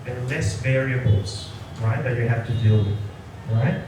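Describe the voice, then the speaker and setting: A man's voice: medium pitch, normal speed. A man in his forties, from Sri Lanka, a psychologist giving a workshop lecture who keeps checking in with the audience by asking "right?". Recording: echoey room, voice from a distant mic, noticeable background noise.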